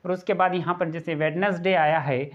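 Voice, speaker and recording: A man teaching an English grammar lesson, repeating key words and spelling out letters slowly. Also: on the high side, steady tone. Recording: dull lo-fi recording.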